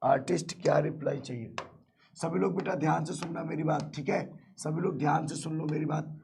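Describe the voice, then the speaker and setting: Hoarse male math teacher, high voice. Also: steady tone, fairly quick, background noise. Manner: calls students "beta", repeats questions to the class. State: sore throat. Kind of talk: live online math class.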